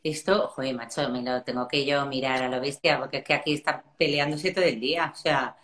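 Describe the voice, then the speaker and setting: A woman's voice: extremely low pitch, steady tone, brisk, a bit bright. A woman from Spain, co-hosting a live-stream chat, who talks in a frank, colloquial way and swears casually. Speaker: co-host.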